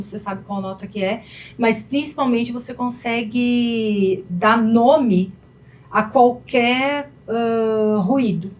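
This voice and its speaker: A Brazilian woman with a Brazilian Portuguese accent, a pianist and piano teacher, chatting as a guest in an interview with frequent fillers. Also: a little high. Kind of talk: casual interview chat.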